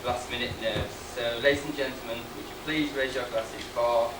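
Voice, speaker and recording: A man gives a prepared wedding speech as the groom, with dry jokes. His medium-pitched voice reaches a distant microphone in an echoey room, under heavy noise. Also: steady tone, normal speed.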